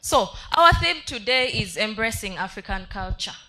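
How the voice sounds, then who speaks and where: A woman with a Ugandan accent hosts a live event in a bright, forceful voice at a medium pitch. She addresses the audience informally and playfully coaxes people to speak. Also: expressive, normal speed. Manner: playful, coaxing. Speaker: event host.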